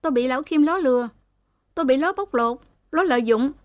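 Woman putting on a wailing young woman, shrill, screeching, l for n, high and rushed, dry close sound. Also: dry recording, lightly acted. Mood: shrieking wail. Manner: swaps n for l, screeching fast.

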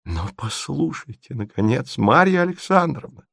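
A man voicing a hot-tempered young gentleman, jilted and indignant, with drawn-out shouted outbursts in a storybook reading. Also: mid-range voice, creaky, no echo, clean studio sound, lightly acted. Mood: outraged.

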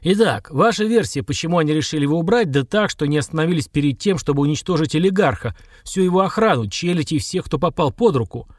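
Man voicing a furious cold male boss, shouty and slow, audiobook. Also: a little high, expressive, no echo, studio quality. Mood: stern. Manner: shouting, berating, slow heavy delivery.

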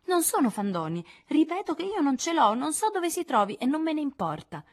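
Woman putting on a shrill spiteful little sister. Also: very animated, a little fast. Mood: defiant. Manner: defiant, shrill, taunting. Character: spiteful younger girl, the baby sister. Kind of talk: audiobook character voice.

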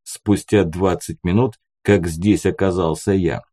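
A man's voice: low voice, fairly even intonation, a little slow, warm tone. A man reading an audiobook aloud, narrating and voicing the characters' dialogue by raising his voice. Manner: lifts his voice for other characters' lines.

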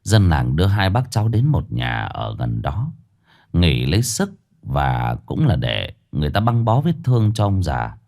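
Low dramatic male ghost-story narrator. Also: wildly swooping pitch, normal speed, creaky, a little mellow. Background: faint music.

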